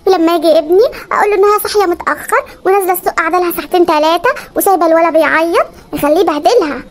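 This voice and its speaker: A spiteful, scheming Egyptian mother-in-law, as a voice actor puts her on for a comic cartoon. She nags and mutters plotting asides in an Egyptian Arabic accent, in a shrill, very high voice that races along at breakneck speed. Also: rapid-fire.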